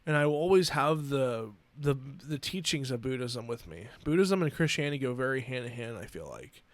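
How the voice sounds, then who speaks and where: A man in his twenties hosting a solo podcast, earnest and emotional, talking haltingly with many restarts. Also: mid-range voice, expressive, no echo. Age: 20s. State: emotional, near tears. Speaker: podcast host. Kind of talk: personal solo podcast talk.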